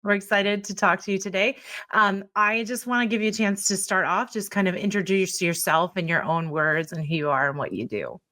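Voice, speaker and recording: A woman's voice: medium pitch, fairly quick. A woman hosting a podcast, reading her introduction and then interviewing her guest with encouraging murmurs. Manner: warm and encouraging, frequent affirming murmurs. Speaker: podcast host.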